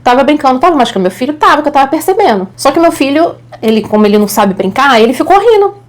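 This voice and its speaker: A young adult woman with a Brazilian Portuguese accent, a mother telling a story to her viewers in a casual, animated, chatty way. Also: sits high, very fast. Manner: animated, chatty, addresses viewers as gente, acts out quotes. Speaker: vlogger and mother.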